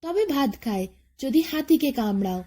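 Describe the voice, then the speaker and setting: Cartoon storybook tailorbird, small and stubborn, high and bouncy, voiced by a woman. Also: big pitch swings, normal speed, warm tone. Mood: demanding.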